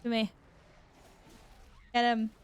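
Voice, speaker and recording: A woman's voice: a little high, monotone, slow, clear, resonant tone. A woman live-streaming a game, chatting casually and informally with viewers and teammates, given to exclamations.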